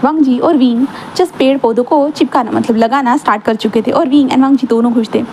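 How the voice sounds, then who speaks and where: A woman's voice: high-pitched, brisk, warm tone, a little hiss or hum, rough recording. A woman casually narrating a fan fiction story, rambling and mixing in English words.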